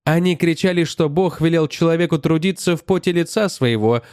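A man voicing an old, rusty male robot that was just brought back to life, speaking in a steady, explaining way. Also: on the high side, fairly quick, dry recording, clean studio sound, close to an everyday voice. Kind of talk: audiobook narration.

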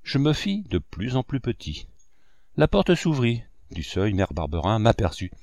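A man reading a classic novel aloud with animated storytelling. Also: fairly low pitch, a little slow, dry recording, studio quality. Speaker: audiobook reader.

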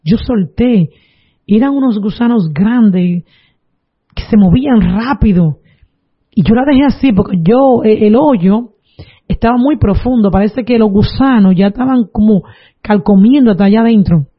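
A woman's voice: medium pitch, normal speed, breathy edge. A woman telling her religious testimony in an earnest storytelling manner, with preaching asides. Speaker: testimony giver. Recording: dull lo-fi recording.

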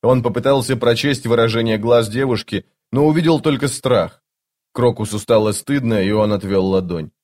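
A man reading a fantasy novel aloud in an even, measured narration. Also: medium pitch. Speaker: audiobook narrator. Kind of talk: scripted narration.

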